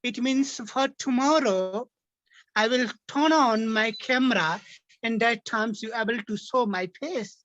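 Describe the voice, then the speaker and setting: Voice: mid-range voice, measured pace, fairly bright tone, dry recording. A participant from Nepal speaking hesitant, polite English with many fillers on a video call. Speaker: participant in an English conversation class. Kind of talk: casual video-call chat. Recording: dry, muffled video-call audio.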